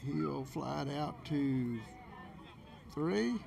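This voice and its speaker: Slow, gravelly male baseball commentator. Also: on the high side, lively intonation, crowd noise. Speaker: play-by-play sports commentator. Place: outdoors at a baseball game.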